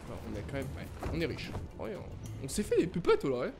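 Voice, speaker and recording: A man hosting a let's play, giving excitable gaming commentary and making playful blaster sound effects. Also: a little high, a little fast, vocal fry. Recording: game music in background. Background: game music.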